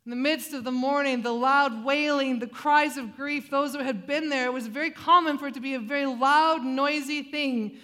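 A woman preaches a sermon, her voice sitting a little high. She moves between lifted, emphatic passages and quiet, hushed moments as she retells scripture. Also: normal speed, hardly any pauses. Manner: expressive, dramatic rises and hushed drops. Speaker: pastor.

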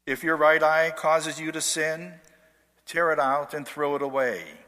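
A man's voice: fairly high pitch, unhurried, pushed and bright. A man giving a solemn, formal Gospel reading as clergy at a church service, with cathedral echo around his voice. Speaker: priest or deacon reading the Gospel. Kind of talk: liturgical scripture reading. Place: large church during a service. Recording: echoing church hall, long cathedral-like reverb.

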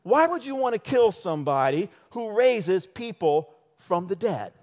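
Man, church sermon, lively rising and falling voice, slow deliberate delivery, rhetorical questions. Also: sits high. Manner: animated, rhetorical questions, acts out short voices. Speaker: church elder preaching.

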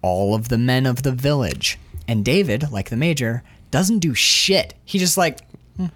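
A man co-hosting a casual film discussion podcast, talking in an animated way, swearing casually and acting out characters' lines in shifting voices. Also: medium pitch, moderate pace. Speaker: podcast co-host.

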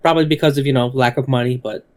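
Co-host, man, mid-pitched, halting news roundup full of fillers. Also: steady tone, darkish tone. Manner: hesitant, lots of uh and restarts. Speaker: podcast co-host. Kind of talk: casual gaming podcast chat.

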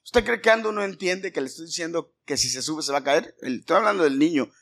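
A man's voice: fairly high pitch, quick pace, creaky, a bit bright. A man, a pastor giving a conversational sermon in a church, questioning his congregation by name. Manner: acts out scolding dialogues with shifting voices.

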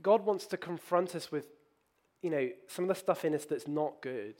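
A man's voice: fairly high pitch, moderate pace, a little mellow. A man preaching a sermon in a conversational, candid way, with frequent fillers and self-deprecating asides. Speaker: pastor.

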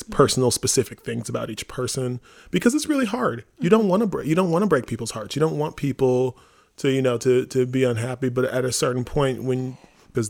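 An American theatre artistic director chats casually on a podcast, rambling in an informal, self-deprecating way. His mid-range voice is gravelly with a darkish tone.

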